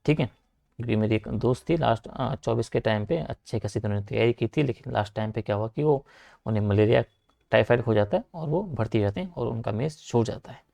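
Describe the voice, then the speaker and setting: A young man teaches an exam-prep class in loose, conversational speech. His voice sits at a middle pitch with a gravelly roughness. He repeats himself and keeps checking in with the students. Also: fast, dark tone. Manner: repetitive, checks in with frequent "theek hai"; direct, urging students to keep writing. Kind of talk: casual online class lecture.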